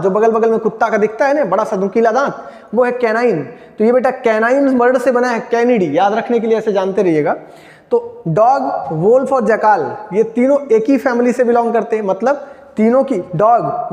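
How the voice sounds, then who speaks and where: A man's voice: extremely high pitch, darkish tone. A male biology teacher giving a classroom lecture, repeating key terms and quizzing his students. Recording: echoey room with long reverb.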